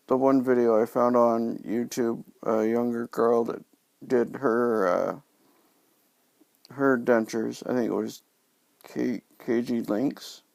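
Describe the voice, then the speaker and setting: A man talking in a casual video diary, halting and subdued as he recovers from oral surgery, his speech slightly impeded by new dentures and a sore mouth. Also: mid-range voice, gravelly, darkish tone, dry recording. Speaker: vlogger sharing recovery from dental surgery.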